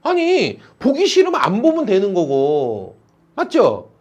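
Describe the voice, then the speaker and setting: A man's voice: sits high, wildly swooping pitch, a little slow, darkish tone. A male teacher giving a classroom lecture, teasing and calling on students by name.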